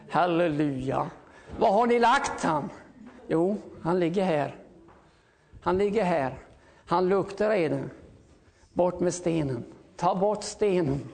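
A man's voice: high voice, a little mellow. A man preaching a fervent revival sermon, often crying out hallelujah and building to urgent calls.

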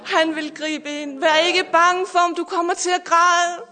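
A woman's voice: very high voice, steady tone, bright, forceful tone. A middle-aged woman preacher giving a fervent, emotional sermon and testimony, repeating hallelujah, her voice at times breaking with tears. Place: church or camp meeting hall. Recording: long hall reverb.

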